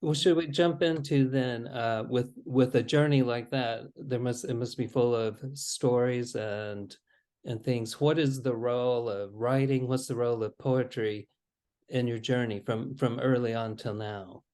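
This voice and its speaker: A man's voice: mid-range voice, fairly even intonation, unhurried, a little mellow. A man hosting an interview podcast, introducing his guest and asking questions with some hesitation. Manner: hesitant, with fillers and restarts. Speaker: podcast host.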